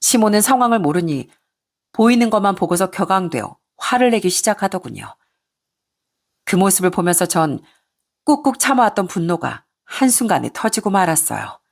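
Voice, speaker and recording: Woman narrator, first-person drama story, mid pitch, steady delivery. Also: normal speed, gravelly. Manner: plain, steady storytelling voice; cold and curt in her own dialogue.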